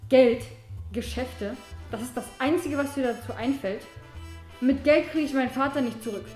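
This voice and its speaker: A woman's voice: high voice, normal speed, a little mellow, natural voice. A woman voicing a vengeful young woman who coldly accuses an old acquaintance. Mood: menacing. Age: young adult. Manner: cold, accusing, cutting. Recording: echoey room with music behind.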